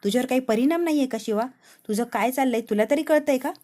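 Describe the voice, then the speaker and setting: A woman's voice: high voice, fast talker, dark tone, lightly acted. A woman voicing a hot-tempered young man who scolds his friend in exasperation. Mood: annoyed. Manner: agitated, scolding.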